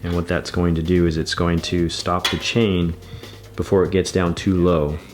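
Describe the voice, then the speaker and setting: A man's voice: deep voice, little pitch movement, moderate pace, music in the background. A man giving a patient, methodical bike repair tutorial, talking through each step as he works. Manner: patient, methodical, repeats steps.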